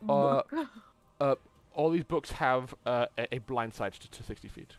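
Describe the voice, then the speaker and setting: A man's voice: mid-range voice, measured pace, dry recording. A man narrating as game master, often stumbling and restarting his words. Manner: stammering, frequent restarts.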